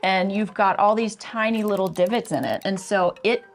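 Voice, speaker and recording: A woman's voice: mid-range voice, moderate pace, soft background music. A woman co-hosting a home renovation video, talking candidly in casual chat and laughing easily at herself. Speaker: co-host of a home renovation channel.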